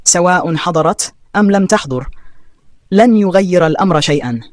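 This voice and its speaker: A man's voice: high voice, expressive, fairly quick, no room sound, clean studio sound. A man reading a cold, scornful young brother. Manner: curt, scornful.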